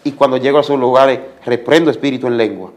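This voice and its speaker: A man's voice: mid-range voice, fast talker. A man giving a religious testimony as a guest, speaking like a preacher and repeating commands for emphasis.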